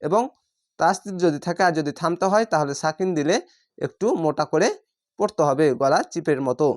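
A Quran reading teacher who gives a patient word-by-word recitation lesson, drawing out each Arabic word slowly before explaining the rule. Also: mid-range voice, a little mellow. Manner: chants Arabic words in drawn-out recitation tone.

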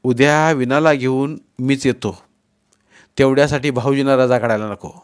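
A man's voice: mid-range voice, fairly even intonation, moderate pace, smooth, lightly acted. A male narrator voicing a generous brother who insists on helping his sister, in a raised, persuading voice. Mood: insistent.

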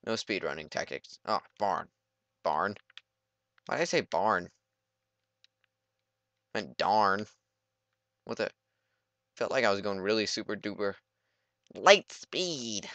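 A man's voice: on the low side, unhurried, long pauses, fairly bright tone, no room sound. A young man giving goofy, rambling let's play commentary and talking back to the game.

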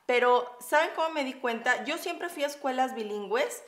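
A woman's voice: sits high, animated, moderate pace, fairly bright tone. A woman with a Mexican accent in her thirties, chatting in a bubbly way with viewers while doing her makeup, laughing often. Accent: Mexican Spanish. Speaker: beauty vlogger. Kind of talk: casual chatty makeup vlog. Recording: echoey room.

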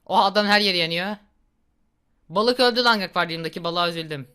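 A young man in his twenties chats through a gory game with a bright, forceful voice. He reacts loudly and laughs often. His tone is smooth and clear. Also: sits high, fast talker. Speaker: gaming YouTuber. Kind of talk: casual gameplay commentary.

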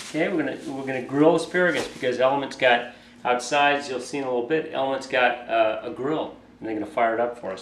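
Man, middle-aged, casual vlog, joking grocery rundown, echoey kitchen, audible noise. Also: medium pitch. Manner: chatty, joking, listing groceries. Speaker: cook on a road trip. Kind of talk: casual show-and-tell vlog. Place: hotel kitchen.

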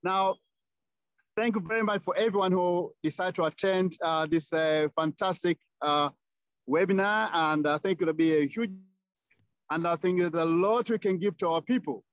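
High-voiced guy from tanzania on a phone call outdoors, halting, lots of uhs, dry sound. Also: dry recording. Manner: halting, many fillers and restarts. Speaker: webinar organizer. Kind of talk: casual introduction. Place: outdoors under trees. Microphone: phone video call.

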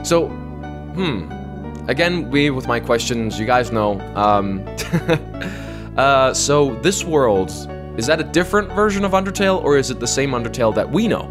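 A man's voice: mid-range voice, animated, measured pace. A man casually commenting on a fan game as he plays it, rambling and joking at his own expense. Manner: rambling, joking, self-deprecating. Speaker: gamer playing through a fan game. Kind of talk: casual let's-play commentary. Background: game music.

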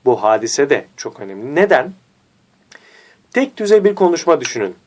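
A man teaching a diction lesson, speaking didactically and repeating key points to his viewers. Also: big pitch swings. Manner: varies pitch and slows for emphasis. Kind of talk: instructional video lesson.

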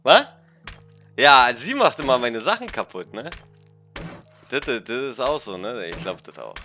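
A man's voice: medium pitch, very animated, unhurried, pushed and bright, faint music behind. A man casually rambling through funny anecdotes while commenting on a game, tagging his sentences and laughing along. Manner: rambling, chatty, constant "ne?" tags, laughs at own stories. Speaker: let's play streamer. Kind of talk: casual gameplay commentary and storytelling.

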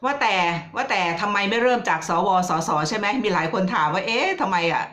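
A woman's voice: medium pitch, expressive, a little fast, a bit bright. A woman vlogger giving casual political commentary, chatty and teasing as she addresses her viewers directly.

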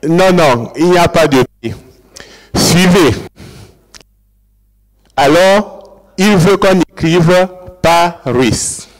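A man's voice: a little high, drawn-out words, pauses often. A man giving an academic lecture, explaining and repeating key words and checking with his audience whether they follow. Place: large lecture hall. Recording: long hall reverb.

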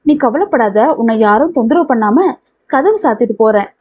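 A blunt young woman friend from a spoken romance novel who teases and scolds, read by a woman. Her voice is high and slightly breathy over tinny, phone-like audio. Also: lively intonation, moderate pace. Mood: teasing. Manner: teasing, scolding.

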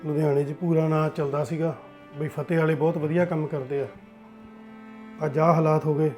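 A weary Punjabi firm owner, played by a man, who keeps trying to calm things down. His voice sits a little high and stays reasonable. Faint music plays beneath. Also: close to an everyday voice. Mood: rueful. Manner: soothing, reasoning. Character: troubled male firm owner, placating and weary. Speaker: office owner.

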